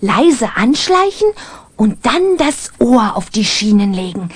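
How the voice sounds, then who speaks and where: A woman's voice: fairly high pitch, slow pace, breathy edge, no echo, heavily acted. Bibi, a cheeky little witch girl. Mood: eager. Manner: eager, lively intonation. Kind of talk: children's radio play acting.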